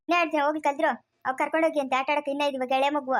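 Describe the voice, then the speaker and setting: A woman's voice: sits high, flat delivery, close to an everyday voice. A woman with a rural Chikkaballapur Kannada accent, acting a scheming, scolding village mother in a homemade family drama. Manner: scolding, brisk village talk. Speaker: actor in a family skit.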